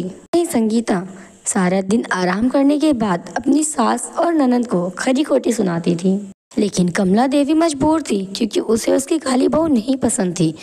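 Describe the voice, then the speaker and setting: Gravelly-voiced woman storyteller. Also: a little high, warm tone. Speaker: narrator. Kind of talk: storytelling narration.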